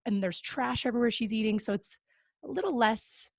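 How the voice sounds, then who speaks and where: A woman's voice: on the high side, brisk, dry recording. A young adult woman hosting a podcast in casual chat, upbeat and talkative with plenty of fillers. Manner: upbeat and chatty, with frequent fillers. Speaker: podcast host. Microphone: close podcast mic.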